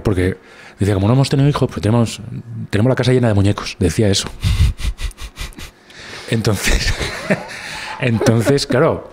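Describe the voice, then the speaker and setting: A man's voice: on the low side, darkish tone, breathy edge. A man with a Spanish accent, a guest comedian telling rambling anecdotes in casual conversation, with many restarts.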